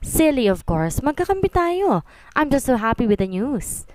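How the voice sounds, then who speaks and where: A woman voicing a cheerful, doting older mother-in-law who speaks slowly in a high, gushing tone. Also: sing-song, darkish tone, slight background noise.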